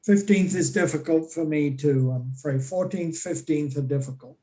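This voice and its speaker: Soft-spoken man with a mellow voice. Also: fairly high pitch, moderate pace. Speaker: committee member. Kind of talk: meeting discussion.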